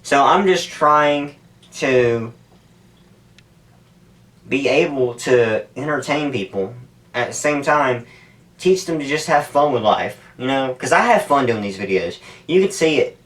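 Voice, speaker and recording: In an unhurried, fairly bright medium-pitched voice with lively intonation, a man who makes stunt videos for YouTube chats to camera from an ice bath at home. His casual, profane, wandering talk is captured off-mic by the camera from a distance.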